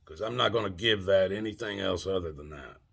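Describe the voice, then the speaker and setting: An older man with a gravelly, husky voice delivers an old man's back-in-my-day rant to his viewers, halting, folksy and plain-spoken. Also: sits low, a bit bright. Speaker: video channel host. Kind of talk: informal monologue to viewers.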